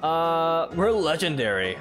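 A man's voice: a little high, big pitch swings, a little slow. A young man in his twenties doing casual, reactive let's play commentary, exclaiming often and reading game text aloud. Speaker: gaming let's player. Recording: game music behind voice.

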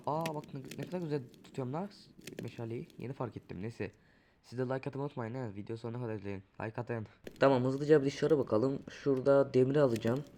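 A young man narrates his game in a loose, chatty way, talking straight to his viewers. His voice sits at a middle pitch. Loud noise runs behind him throughout. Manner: chatty, talks to viewers while playing, panics at danger. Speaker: gaming YouTuber. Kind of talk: casual gameplay commentary.

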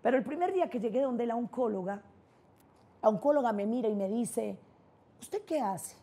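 A woman's voice: on the high side, fairly quick, mellow, slightly rough. A middle-aged woman with a Colombian paisa accent, giving a motivational conference talk and telling personal stories in an emphatic, candid way. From Colombia (Antioquia). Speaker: neurolinguistic programming trainer, speaker.

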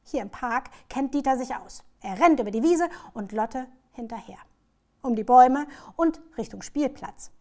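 A woman author reading her children's book aloud in a lively, expressive storyteller's manner. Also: high-pitched, normal speed.

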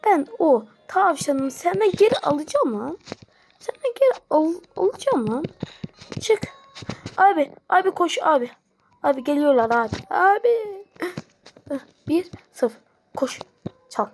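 A woman giving excitable live gameplay commentary, pleading and yelling at the game. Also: high voice, a little slow, slight background noise. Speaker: gamer.

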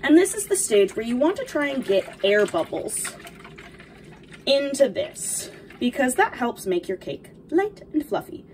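Young woman as a cheerful video game princess, dainty cooking-tutorial delivery, high and lively, recorded at a distance in a kitchen. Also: a little slow. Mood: gentle, instructive. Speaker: host of a baking video. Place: small home kitchen, indoors. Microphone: camera a few feet away. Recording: distant mic, noticeable background noise.

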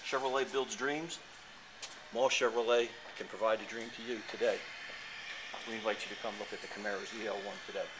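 A man giving an enthusiastic dealership sales pitch for a car, reciting specs in a showroom, recorded on a handheld camera. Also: steady tone, fairly quick. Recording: noisy showroom ambience.

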